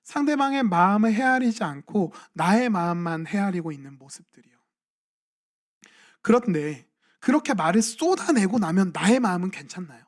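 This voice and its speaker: A man's voice: sits high, very animated, moderate pace. A young man, a junior pastor, preaching a sermon in a church and asking his congregation questions in a conversational way. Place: church sanctuary at a midweek evening service.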